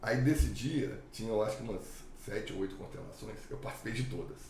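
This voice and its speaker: A man guest telling a personal story in relaxed, plain-spoken conversation. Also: on the low side, fairly quick, gravelly, echoey room, slight background noise. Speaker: podcast guest. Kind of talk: casual storytelling.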